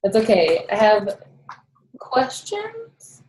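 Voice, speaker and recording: A woman hosting a casual team call, explaining things in a relaxed, chatty way. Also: medium pitch, takes it slowly. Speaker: team coach host. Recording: roomy echo.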